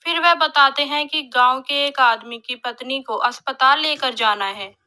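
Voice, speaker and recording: A woman narrating a family story in a steady, simple storytelling manner. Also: high-pitched, a little slow, rough recording.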